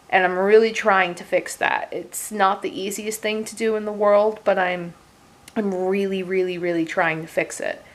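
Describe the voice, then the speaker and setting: A woman in her late twenties giving a casual, rambling monthly update vlog from her couch as a gaming streamer. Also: medium pitch. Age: 20s. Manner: chatty and rambling, with frequent fillers and casual swearing. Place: at home on a couch.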